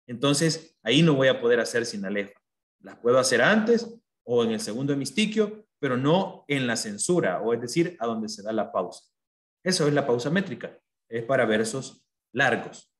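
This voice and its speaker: A man teaching a class, explaining patiently and checking that students understand with frequent questions. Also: medium pitch. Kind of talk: online class lesson.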